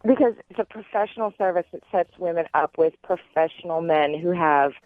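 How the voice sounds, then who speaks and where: A woman with a lowish voice calls in to a radio show over a telephone line, talking a little fast on a dry recording. She explains her personal story casually, hedging here and there.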